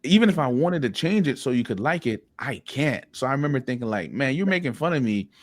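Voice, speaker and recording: This Haitian man is a podcast guest telling reflective personal stories earnestly, often repeating words as he begins a sentence. His voice is medium in pitch, very animated, and fairly quick, with no echo on the recording.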